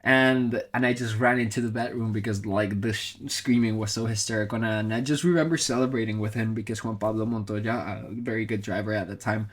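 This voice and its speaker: This lowish, steady voice belongs to a Colombian motorsport content creator speaking casually in an interview. He talks fast with few pauses, yet stays reflective and thoughtful, full of fillers and restarts.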